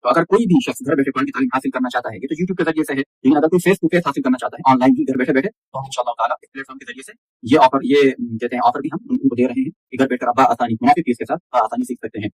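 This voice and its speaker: A man teaching Qur'an recitation step by step. He spells out the letters and vowel marks, then recites in a slow drawn-out chant, and firmly corrects common mistakes. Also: medium pitch, lively intonation, husky, dry recording, rough recording.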